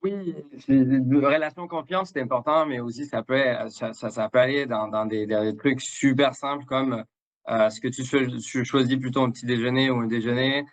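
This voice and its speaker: His voice is medium-pitched with fairly even intonation at normal speed. He's from Mexico, a native Spanish speaker whose accent blends Mexican and Québécois French, and he joins a live interview as an international development director, speaking haltingly with lots of fillers and repetitions.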